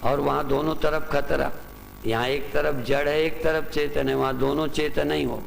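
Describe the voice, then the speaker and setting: A spiritual teacher giving a talk to a gathered group, then leading them through a breathing exercise with repeated short instructions. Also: male voice, on the high side, fairly even intonation, moderate pace, creaky. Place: large hall with a gathered audience. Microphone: loudspeaker microphone. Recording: long reverb in a hall, faint noise.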